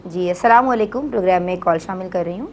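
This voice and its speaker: A woman's voice: lowish voice, a little hiss or hum. A woman hosting a live religious TV show, polite and formal, with brief acknowledgements and greetings. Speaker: host.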